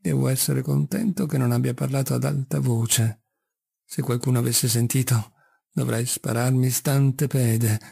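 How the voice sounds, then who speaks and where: A man's voice: medium pitch, measured pace, vocal fry, dark tone, slightly rough, no echo, clean studio sound. A man giving a dramatic reading of an interior monologue, agitated, swinging between sudden exclamations and muttered asides. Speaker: audiobook reader.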